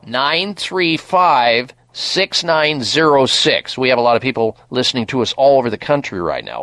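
A man hosting a radio call-in health show, reading ads and giving advice in an animated, salesy way. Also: mid-range voice, no echo. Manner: lively, salesy, advising.

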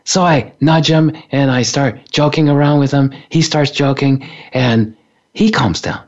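A man's voice: mid-range voice, measured pace, a little mellow. A man in his sixties, co-hosting a radio talk show, tells a story with laughter and acts out the other people in it. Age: 60s. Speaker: co-host. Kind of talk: casual storytelling. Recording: dull lo-fi radio sound.

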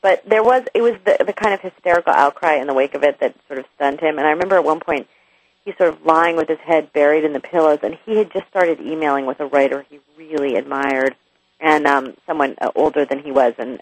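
A woman's voice: sits low, low-quality recording. A woman author guesting on a radio interview, talking candidly and chattily with frequent restarts and asides.

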